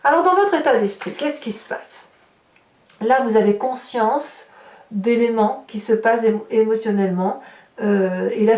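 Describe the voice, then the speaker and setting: This mid-range, darkish voice belongs to a woman who reads tarot and hosts horoscopes. She improvises a reading addressed to viewers, explaining as she goes and hunting aloud for words, with roomy echo from a distant microphone.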